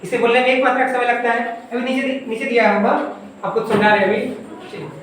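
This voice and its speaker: A woman teaches grammar to a coaching class in a very echoey room, far from the mic. She asks questions and answers them herself, at a middle pitch. A faint hiss runs underneath. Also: steady tone, quick pace. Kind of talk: classroom lesson.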